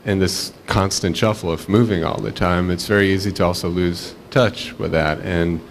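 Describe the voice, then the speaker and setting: A man's voice: low voice, steady tone, normal speed, a little hiss or hum. A man from Israel speaking reflectively on a panel, with many fillers.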